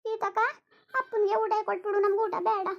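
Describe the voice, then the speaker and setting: A woman's voice: very high-pitched, flat delivery, brisk, muffled recording. A woman voicing a poor, weary village mother of four who pleads and reproaches, for a cartoon. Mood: pleading.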